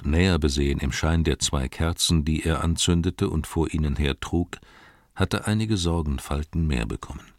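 A man narrating an audiobook in a measured, expressive storytelling manner. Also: deep voice, no echo, studio quality.

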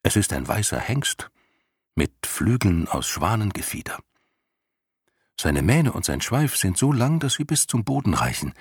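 Gentle young boy in a storybook reading, earnest and soothing, raised high and lively, as a male reader puts him on. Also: measured pace, husky, dry recording, studio quality, full character voice. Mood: whispering. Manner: earnest, soothing, softly whispering at times.

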